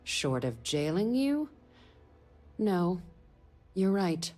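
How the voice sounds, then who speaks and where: An actress playing a stern, secretive middle-aged military official in a video game, speaking in a measured, formal, authoritative way. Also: female voice, on the low side, sing-song, darkish tone, exaggerated voice. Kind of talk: video game dialogue acting.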